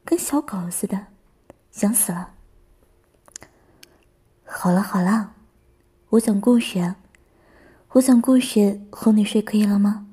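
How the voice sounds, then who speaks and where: A woman's voice: mid-range voice, steady tone, slow pace, pauses often, breathy edge. A woman whispering a bedtime story in a teasing, playful, bossy roleplay manner. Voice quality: soft whisper.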